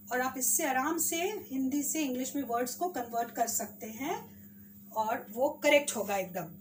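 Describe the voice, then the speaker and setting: A woman teacher with an Indian accent, slowly sounding out words for children in a spelling lesson. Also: high-pitched, distant mic, a little hiss or hum. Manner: slow, drawn-out sounding of words.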